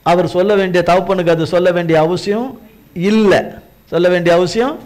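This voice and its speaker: A male pastor, preaching with heavy repetition and dropping low and quiet when he voices someone's plea. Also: brisk. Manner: repetitive, emphatic preaching with sudden drops to a low voice for quoted pleas. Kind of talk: sermon.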